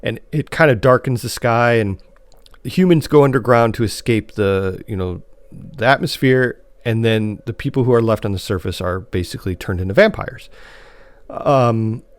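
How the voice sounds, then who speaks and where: A podcast co-host reviews post-apocalyptic media, chatting casually in a hesitant, rambling, conversational way. His voice is mid-range at a normal speed, with no echo.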